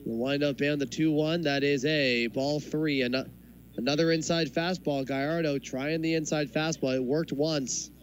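A man doing live baseball commentary in measured, short phrases with pauses, as the play-by-play announcer. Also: fairly high pitch, fairly even intonation. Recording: clear background noise from a ballpark. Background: ballpark ambience.

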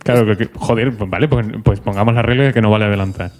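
A man's voice: fairly low pitch, a little mellow, soft background music. A man co-hosting a podcast, bantering and joking in casual chat. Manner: joking, quick banter, swears freely. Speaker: podcast co-host.

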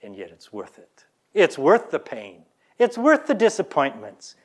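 A man's voice: huge pitch swings, a little slow, breathy edge. A man preaching a sermon, earnestly leading the congregation to repeat lines after him. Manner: earnest preaching with swings between loud emphasis and soft low lines; leads the congregation in call-and-response. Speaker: pastor.

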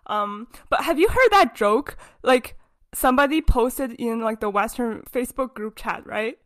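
Young woman co-host, high, lively voice, expressive and giggly. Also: normal speed. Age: young adult. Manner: bubbly, expressive, teasing, laughs a lot. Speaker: podcast co-host, university student. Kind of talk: casual chat.

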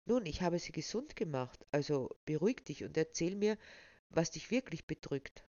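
A strong woman healer answers with calm composure, her voice low and even , as a woman reading the novel voices her. The recording is dry and a little dull. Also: normal speed, no echo. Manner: calm, soothing. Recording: slightly dull, dry sound.

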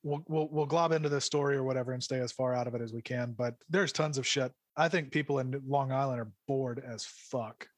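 A man's voice: medium pitch, steady tone, fairly quick, few pauses, no echo. A man co-hosting a podcast in casual, joking chat, often restarting his sentences and swearing freely. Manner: stammering restarts, profane, joking. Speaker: podcast co-host.

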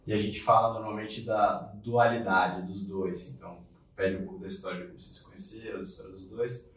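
A man hosting a casual podcast, joking and animated as he keeps the talk going. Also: fairly low pitch, a little fast, recorded from a distance. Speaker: podcast host. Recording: roomy echo, off-mic.

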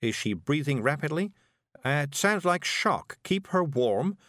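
A man voicing a calm, practical woman healer who speaks in a measured, clinical way. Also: fairly high pitch, no room sound, clean studio sound, voice pushed up.

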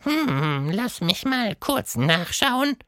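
A storyteller putting on the voice of a playful, mischievous male monster in a children's audiobook, speaking in a squeaky, teasing manner. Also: big pitch swings, extremely slow, a bit bright, dry recording, studio quality, heavily acted. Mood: friendly. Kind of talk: storybook reading.

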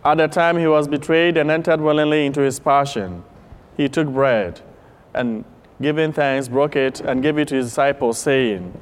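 A male priest leads the liturgy in a solemn, measured intoning. His voice is smooth and resonant, pitched a little high. The sound rings out in a long cathedral echo across a large church. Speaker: priest celebrating Mass. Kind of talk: liturgical prayer. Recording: long echoing church reverb.

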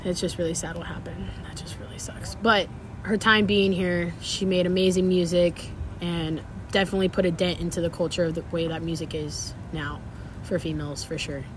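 Low-voiced and a bit fast, this laid-back young woman barely moves her pitch, and the recording is noisy. She's a DJ guest from Sacramento, California, chatting in a casual interview full of slang, fillers, and frequent laughs.

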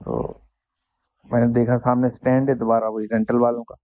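Man, reflective storytelling, unhurried and self-deprecating, gravelly voice, close dry sound. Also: mid-range voice, flat delivery, no room sound. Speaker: spiritual teacher answering questions. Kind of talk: anecdotal storytelling and religious reflection. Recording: dry, tinny phone-like sound.

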